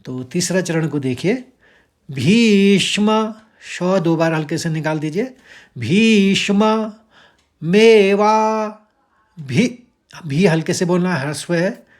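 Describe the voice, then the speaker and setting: A man from India teaching the pronunciation of a Sanskrit verse step by step, with a patient, explaining manner and slow chanting of the lines. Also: a little high, lively intonation, a little mellow. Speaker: Gita recitation teacher.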